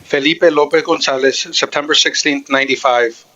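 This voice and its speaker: This is a man serving as a court interpreter, relaying each statement into the courtroom as a live translation in a formal, even manner. His voice sits on the high side at a normal speed, and the highs are cut off.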